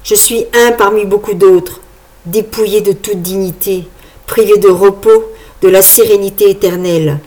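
A woman's voice: medium pitch, fairly even intonation, normal speed, darkish tone, close to an everyday voice. A woman voicing the spirit of a vengeful dead man in a horror audiobook, clipping each syllable precisely. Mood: menacing.

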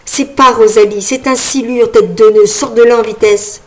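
Woman doing worried old buddy, blunt and scolding, slow, storybook. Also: mid-range voice, fairly even intonation, a little mellow, lightly acted, low-quality recording. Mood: urgent. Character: old man Joseph, loyal, worried friend.

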